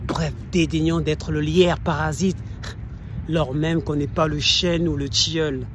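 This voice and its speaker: Man playing Cyrano, hammy, slow, defiant stage poet. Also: a little high, fairly even intonation, lightly acted. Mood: wistful, proud. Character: proud, defiant, scornful poet-swordsman reciting a verse tirade. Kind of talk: theatrical verse monologue recitation. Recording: noticeable background noise.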